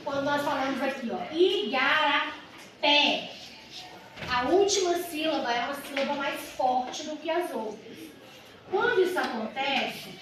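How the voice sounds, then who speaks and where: A woman teacher giving a grammar lesson, explaining step by step with rhetorical questions and drawing out example words slowly. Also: high voice. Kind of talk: grammar lesson for exam students. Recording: echoey room with mic far off and noise.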